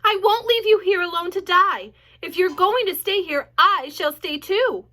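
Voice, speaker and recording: A woman voicing a young male pig in a storybook reading, high and frantic as he pleads. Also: very animated, normal speed, sharp tone, exaggerated voice. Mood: pleading.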